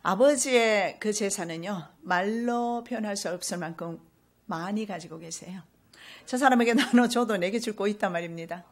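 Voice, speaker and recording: Earnest woman pastor preaching. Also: mid-range voice. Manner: earnest preaching, slow stresses, rising to fervent loud exhortation. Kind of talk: sermon.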